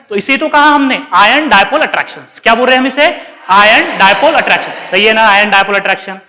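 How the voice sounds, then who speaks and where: An Indian man gives a chemistry lesson in a high, bright voice. He keeps firing questions at the class and answers them himself. His voice rings with a long hall reverb. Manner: keeps quizzing students and answering himself, calls them beta. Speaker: chemistry teacher. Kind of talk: classroom lecture.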